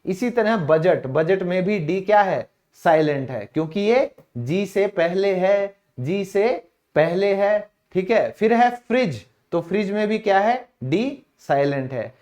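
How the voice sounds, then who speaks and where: Indian male English teacher, higher voice, casual lesson delivery, poses questions then answers them. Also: animated, measured pace, a little mellow. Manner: casual and direct, calls listeners brother. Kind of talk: classroom-style lesson.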